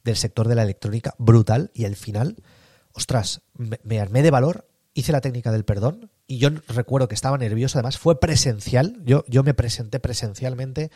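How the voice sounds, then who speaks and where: A man's voice: medium pitch, dark tone, no room sound, studio quality. Emphatic Spanish man coaching sales. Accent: Spain Spanish. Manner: emphatic, repeats key points; acts out sales calls in quick bursts. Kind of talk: podcast sales lesson.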